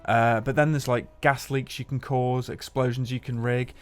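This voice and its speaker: A man, co-hosting a casual chat over gameplay footage, relaxed and chatty with casual swearing. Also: medium pitch, moderate pace, smooth. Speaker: games journalist, co-host.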